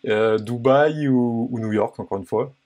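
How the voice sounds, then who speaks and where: A man hosting a casual interview, asking quick questions in a friendly, informal way with frequent hesitations. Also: mid-range voice, a little mellow. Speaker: interview host.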